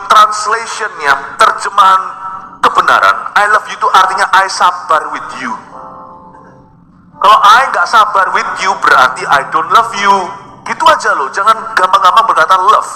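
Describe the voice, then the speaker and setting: A man preaching a sermon, mixing English phrases into his talk and swinging between emphatic bursts and quiet drops. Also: high-pitched. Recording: long hall reverb with soft music behind.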